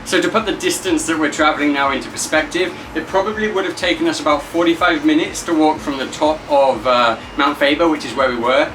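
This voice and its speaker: A man's voice: on the high side, fairly quick, few pauses, over music. A young man vlogging his travels outdoors, chatty and teasing, talking into a handheld camera. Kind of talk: casual vlog narration. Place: outdoors and in a cable car.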